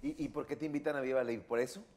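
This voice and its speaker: A man hosts a talk show interview and asks brisk, pointed follow-up questions. He keeps them short and moves fast. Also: mid-range voice, steady tone, darkish tone. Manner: brief, probing follow-up questions.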